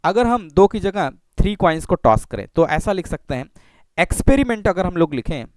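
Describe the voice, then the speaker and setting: A man teaching a maths lesson. He explains slowly, repeats himself and keeps checking in with "okay" and rhetorical questions. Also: sits high, big pitch swings, a little mellow, no echo. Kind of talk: classroom lecture.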